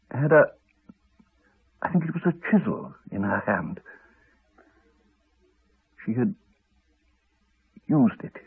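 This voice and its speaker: In a 1980s radio drama, a fully voiced character named Alex, a haunted man, haltingly recounts a horror. The recording is narrow and phone-like, and his very husky voice swings widely in pitch as he confides and trails off into pauses.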